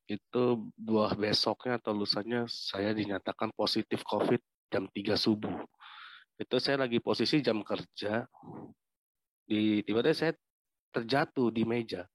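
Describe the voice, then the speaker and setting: A young man gives an earnest, halting testimony of his illness from a quarantine hotel room. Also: on the low side, no room sound. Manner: earnest, halting, emotional retelling. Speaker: covid patient giving testimony. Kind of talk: personal testimony interview.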